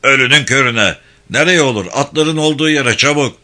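A man's voice: fairly low pitch, normal speed, sharp tone. A man voicing an earnest young army lieutenant who gives orders eagerly in a story reading. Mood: shouting orders. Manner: eager, commanding.

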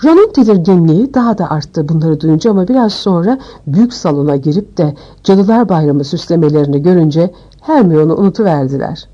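Mellow low-voiced woman storyteller. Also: fairly quick, hardly any pauses, muffled recording. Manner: expressive storytelling. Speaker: audiobook narrator. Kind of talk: scripted audiobook narration.

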